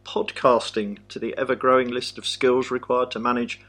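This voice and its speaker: A man's voice: medium pitch, level tone, moderate pace, fairly bright tone. An English man hosting a podcast, talking in a dry, self-deprecating way. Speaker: podcast host.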